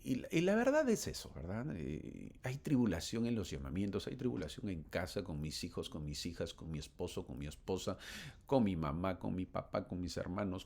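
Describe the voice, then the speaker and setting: Low gravelly man teaching a church class. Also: darkish tone. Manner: chatty and rambling, laughs while telling a story, many fillers. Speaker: church Sunday school teacher. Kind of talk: conversational scripture lesson with anecdote.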